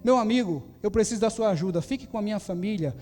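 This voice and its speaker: High-voiced preacher in a reverberant church. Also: male voice, very fast. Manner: animated storytelling, voicing the people in the tale. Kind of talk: Pentecostal-style sermon.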